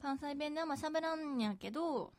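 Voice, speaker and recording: A woman's voice: sits high, normal speed. A woman in her thirties with a Kansai accent, chatting casually as a podcast host. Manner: chatty, giggly, animated. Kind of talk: casual chat.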